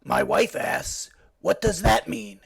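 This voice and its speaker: A man's voice: high-pitched, animated, slow pace, full character voice. A man voicing a scruffy cartoon bat who hosts a late-night comedy show, delivering jokes in a punchy way and switching voices between the characters in them. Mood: cheeky. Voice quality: gravelly, husky. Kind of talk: cartoon stand-up joke telling.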